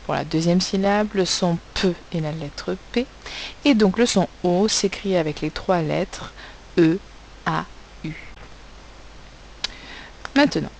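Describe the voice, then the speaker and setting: Slow, careful woman teacher. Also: mid-range voice, a little mellow, slight background noise, rough recording. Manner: slow, careful, spelling out sounds and letters. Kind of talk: recorded phonics lesson for young pupils.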